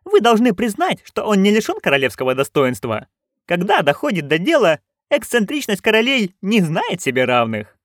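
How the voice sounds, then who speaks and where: A man voicing a chatty, cheeky old witch in an audiobook, with a lively manner. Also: high voice, normal speed, no echo, studio quality, pitched above the performer's own voice.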